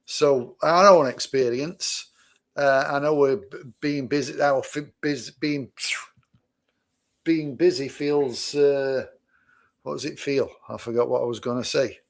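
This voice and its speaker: A man's voice: medium pitch, steady tone, measured pace, vocal fry. A man co-hosting a casual podcast chat, asking easygoing rhetorical questions. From Manchester, England. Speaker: co-host, business owner.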